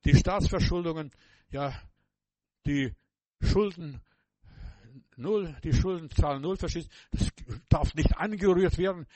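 A man preaching a sermon, emphatic and repetitive, speaking straight to the listener and swinging between loud exclamations and hushed passages. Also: on the high side, slow pace, no room sound.

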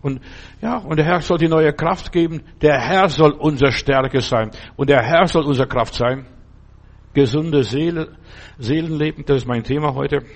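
A man's voice: a little high, moderate pace. A man preaching a sermon, urging the listener directly and repeating his key phrases.

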